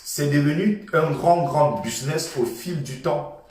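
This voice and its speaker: A man's voice: fairly high pitch, unhurried, a little mellow. A man giving an impassioned, repetitive political monologue, lecturing his listeners. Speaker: political commentator. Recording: echoey room from far off.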